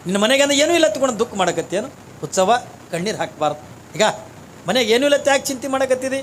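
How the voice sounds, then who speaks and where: A man voicing a kindly wandering ascetic who gently reassures a poor woman. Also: extremely high pitch, sing-song, fast, slight background noise. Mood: gentle.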